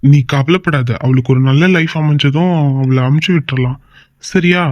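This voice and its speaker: A woman's voice: deep voice, moderate pace, no echo, lightly acted. A woman voicing a coaxing young husband. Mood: coaxing, reassuring. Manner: coaxing and gently teasing. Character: soothing young husband, affectionate and teasing. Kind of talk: amateur cartoon voice acting.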